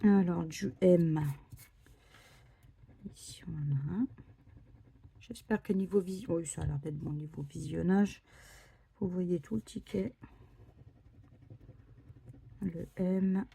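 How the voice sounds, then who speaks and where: Slow, husky woman, half-whispering. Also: on the low side, warm tone. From France. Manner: slow, murmuring, often drops to a whisper. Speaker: scratch card vlogger. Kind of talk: casual scratch card commentary.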